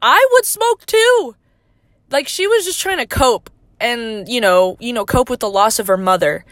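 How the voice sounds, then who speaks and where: A woman's voice: a little high, lively intonation, normal speed, no echo. A young woman hosting a casual solo podcast, rambling with lots of fillers and casual swearing, laid-back but getting indignant. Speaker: podcast host.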